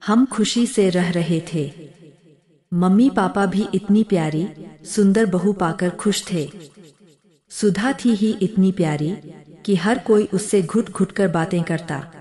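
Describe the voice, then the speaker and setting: A woman narrating an emotional story in a slow, measured, heartfelt way. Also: mid-range voice, dark tone.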